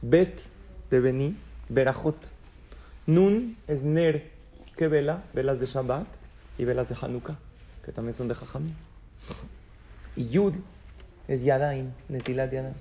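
A man's voice: medium pitch, measured pace, pauses often, mellow. A man leading a religious class, who poses questions to his listeners, answers them himself and slips in light jokes. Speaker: rabbi teaching a class. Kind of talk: Torah lesson in Spanish with Hebrew terms.

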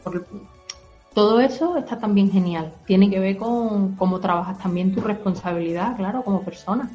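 Speaking at a normal speed with a middle pitch, an adult woman gently explains ideas to a child through simple comparisons and reassurance. The audio is slightly dull, and soft music plays faintly in the background.

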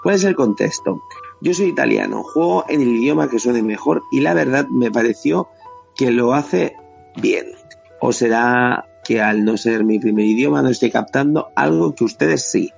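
A podcast host from Spain, speaking with a Spanish accent, chats casually and reads out listener comments. His mid-range voice has vocal fry and moves at a normal speed. The sound is dull and lo-fi, with a faint music bed underneath.

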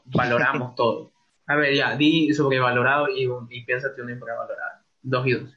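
A man hosting a casual podcast chat, playful and teasing, with quick asides. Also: medium pitch, flat delivery, over a noisy crowd. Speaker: podcast host. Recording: slightly dull lo-fi sound.

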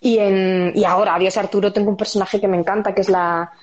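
A woman's voice: medium pitch, fast, lo-fi sound, slight background noise. A woman in her thirties, a stage actress, chatting in an interview, telling anecdotes with frequent laughter and acting out the dialogue. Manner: lively storyteller, laughs often, acts out dialogue. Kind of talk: casual interview chat.

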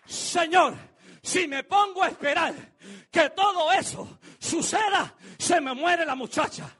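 A man's voice: very high-pitched, a little slow, sharp tone, full character voice. A man voicing a desperate foreign mother who pleads for her sick daughter. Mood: pleading.

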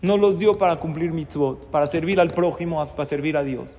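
A man's voice: a little high, brisk, warm tone, a little hiss or hum. A middle-aged man, a rabbi, gives a sermon in a synagogue, telling a story with lots of rhetorical questions. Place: synagogue study hall. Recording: long reverb in a hall.

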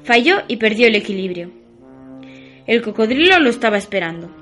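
A woman narrating a children's story on the radio in a lively, expressive way. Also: on the high side, a little fast, soft background music.

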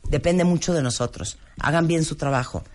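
On a radio show, a man with a Mexican accent delivers casual on-air opinions in an emphatic, preachy style, rattling off lists. His voice sits on the high side with a darkish tone and a normal pace, recorded in a radio studio.

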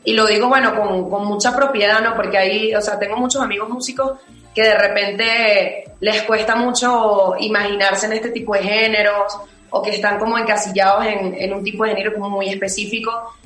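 A woman's voice: mid-range voice, steady tone, brisk, a bit bright, roomy sound, faint music behind, poor audio. A singer-songwriter woman from Venezuela in her late twenties, answering interview questions thoughtfully with many fillers and restarts.

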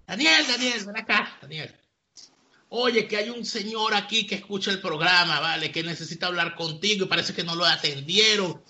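A man doing an excitable, high-pitched friend. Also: normal speed. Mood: urgent. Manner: urgent, then gleeful and amused. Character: excitable middle-aged man laughing at a scene.

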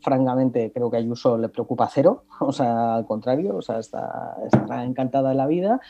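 A man's voice: mid-range voice, a little fast, gravelly, mellow. A man commenting casually on a talk show, with hesitations and fillers. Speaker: political commentator. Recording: dull lo-fi line.

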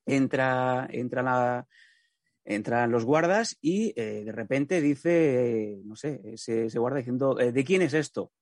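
A man from hosting a comic show with a mid-pitched voice. He rambles in a mock-solemn way, circling back on himself. The sound is dry and close. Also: lively intonation, takes it slowly, no echo. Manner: rambling, mock-solemn, full of fillers and restarts. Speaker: comedy show host. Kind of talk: casual comic banter.

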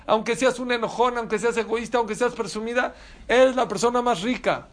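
A man teaching a Torah class as a rabbi, animated and emphatic, often putting questions to his listeners. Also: very high-pitched, fairly quick. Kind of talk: sermon.

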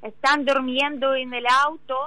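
High-pitched Ukrainian woman, halting and slow. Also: little pitch movement, bright, forceful tone, no echo. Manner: halting, searching for words in non-native Spanish. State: emotional. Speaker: interview guest. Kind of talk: halting spoken testimony in an interview.

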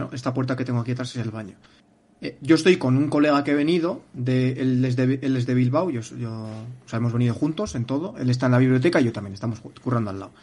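A man's voice: mid-range voice, a little mellow. Blunt, swearing young man on a call. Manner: blunt, swears freely, rapid rambling asides. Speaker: guest calling in from abroad. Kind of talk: casual live chat. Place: room in a shared apartment.

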